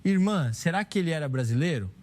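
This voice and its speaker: A man reading the lines of an excited, starstruck younger sister in a storybook narration. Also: a little high, fast talker, lightly acted. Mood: eager. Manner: eager and gushing.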